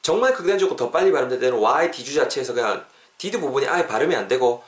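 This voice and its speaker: A man teaching English phrases in a casual podcast lesson, lively and drilling each phrase over and over. Korean is his first language. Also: mid-range voice, rapid-fire. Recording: roomy echo.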